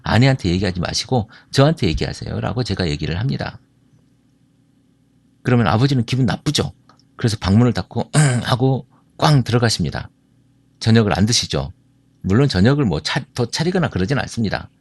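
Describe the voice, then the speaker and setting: A man's voice: fairly low pitch, expressive, fairly quick, creaky, husky, no room sound. A middle-aged man from the Jeolla region speaks to an audience, telling stories and asking listeners questions. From Jeolla, South Korea. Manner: asks the audience questions, storytelling. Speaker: speaker on marriage and family. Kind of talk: talk to an audience.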